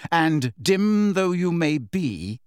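A man voicing a cold, sneering middle-aged male potions master who talks in a slow, low, menacing drawl. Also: big pitch swings, darkish tone, smooth, no echo, studio quality. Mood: sneering menace.

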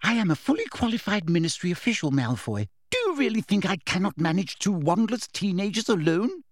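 A man's voice: fairly high pitch, wildly swooping pitch, measured pace, a little mellow, husky, dry recording, studio quality, pitched above the performer's own voice, full character voice. A man voicing a domineering, greedy older woman official with an imperious, eager way of questioning. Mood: harsh, imperious. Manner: imperious, harsh, eager interrogation.

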